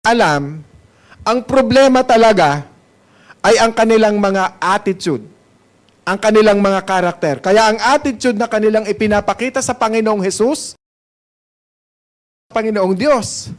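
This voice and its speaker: A man's voice: sits high, measured pace, long pauses. A man with a Filipino accent preaching a Sunday sermon as pastor. He mixes Tagalog and English and keeps asking the congregation questions. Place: church service hall.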